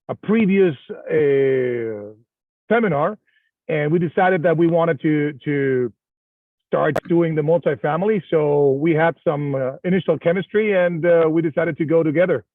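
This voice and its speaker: A middle-aged man from Venezuela, a podcast guest speaking in a measured, slightly hesitant way. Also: a little high, no room sound. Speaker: guest investor. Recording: dry tinny phone line.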